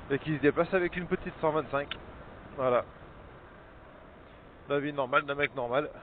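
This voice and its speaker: A man's voice: on the high side, narrow, tinny audio, slight background noise. Man talking inside a motorbike helmet. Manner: chatty, halting, many fillers. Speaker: crane operator. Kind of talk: casual vlog while riding. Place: outdoors on a small motorbike.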